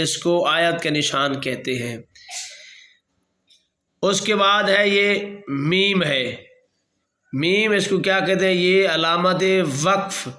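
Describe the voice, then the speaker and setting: High-voiced man teaching slowly. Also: sharp tone, reverberant. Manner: slow, patient explaining with examples. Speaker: religious teacher. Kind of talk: explanatory lesson.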